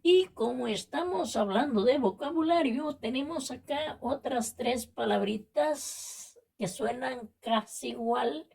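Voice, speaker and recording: A woman from Latin America with a Latin American Spanish accent, teaching a vocabulary and spelling lesson and explaining slowly and carefully with repetitions. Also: high voice, gravelly, a little mellow, slightly rough. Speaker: language teacher.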